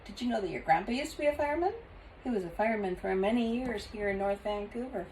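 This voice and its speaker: An older woman reading a children's storybook aloud in an expressive grandmotherly way. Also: mid-range voice, quick pace, a little hiss or hum, rough recording.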